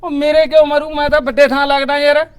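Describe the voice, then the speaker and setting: A man's voice: very high-pitched, little pitch movement, quick pace. A man with a Punjabi accent acting in a comic village drama, pleading and grumbling as an older brother.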